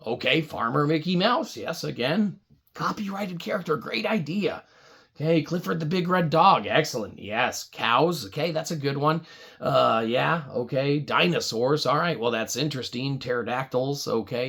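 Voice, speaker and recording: A woman with a husky, gravelly voice improvises a children's puppet story, chatting casually to viewers in a mock-weary way. Her voice sits low and is a bit bright, expressive and at a moderate pace.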